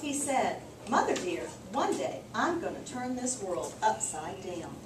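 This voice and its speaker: Unhurried and mid-range, with big pitch swings, a woman teacher's voice carries through a storybook read-aloud and class discussion with children, where she repeats and affirms their answers. The room is echoey and noisy, and the mic is distant.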